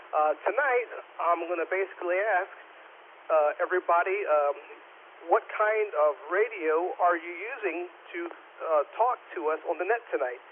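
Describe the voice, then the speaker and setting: A man with a high voice runs a radio net in formal procedure language, spelling call signs phonetically. His voice comes through a narrow, tinny two-way radio channel. A faint hiss of static sits under it. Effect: heard over two-way radio with static. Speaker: net control operator. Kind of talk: reading a scripted radio net preamble.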